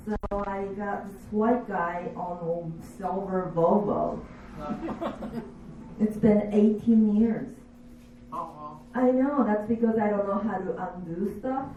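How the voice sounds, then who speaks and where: Woman in her fifties, non-native English speaker, stand-up set, slow deadpan delivery, mellow voice, echoey bar room heard from a distant mic. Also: mid-range voice, dull audio, a little hiss or hum. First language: not English. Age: 50s. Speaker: stand-up comic. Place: comedy bar stage.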